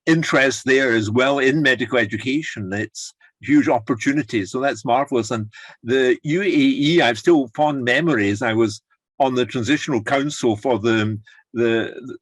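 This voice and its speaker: A man's voice: medium pitch, moderate pace, fairly bright tone, no room sound. An older man leading an online course, chatting encouragingly over a video call and rambling with restarts. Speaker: course leader. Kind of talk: casual chat on a video call.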